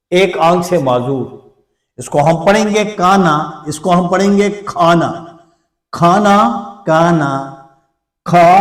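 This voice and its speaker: A man with an Urdu accent teaching at a deliberate, slow pace in a fairly high voice. He repeats sample words carefully to show their pronunciation. The sound is roomy and comes from some distance away from the mic. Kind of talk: slow blackboard lesson.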